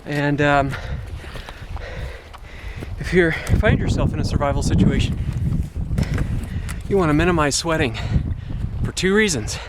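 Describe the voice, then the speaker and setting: A man's voice: a little high, expressive, unhurried, pauses often, very noisy. A man vlogging on a hike, out of breath and sweating, talking to the camera as he climbs a hillside trail. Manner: panting and out of breath while climbing. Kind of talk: hiking vlog narration.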